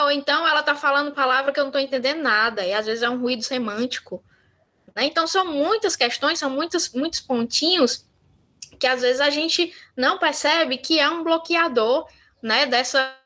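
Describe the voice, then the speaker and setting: A woman's voice: sits high, fairly quick, bright, forceful tone. A woman with a Brazilian Portuguese accent teaching a communication workshop in a conversational way, acting out short sample dialogues. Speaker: workshop instructor. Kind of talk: online workshop talk.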